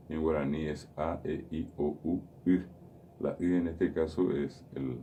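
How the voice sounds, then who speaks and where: A man's voice: extremely low pitch, warm tone, slight background noise. A man hosting a radio show, patiently explaining pronunciation and repeating his examples. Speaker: radio host teaching Guaraní. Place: radio studio.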